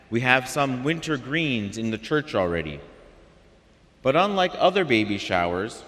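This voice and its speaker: A man preaching a calm, measured homily at a middle pitch. His voice carries a long reverb from the church around him. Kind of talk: sermon.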